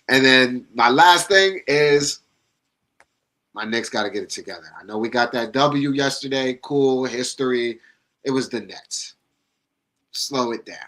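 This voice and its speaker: A man's voice: medium pitch, slow, long pauses, pushed and bright, poor audio. A young man co-hosting a sports podcast in casual chat, blunt and profane in his trash talk. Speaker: podcast co-host.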